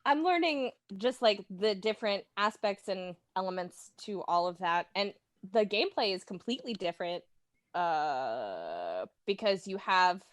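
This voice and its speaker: On a dry recording, this woman's medium-pitched, expressive voice unfolds at an unhurried pace. As a guest and listener of the podcast, she chats informally about games, mimicking sound effects and reactions as she goes.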